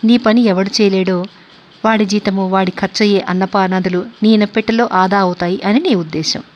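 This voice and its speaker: A woman's voice: mid-range voice, steady tone, moderate pace, muffled recording, close to an everyday voice. A woman reading the part of a stern old man who lectures and reproaches. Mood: reproachful.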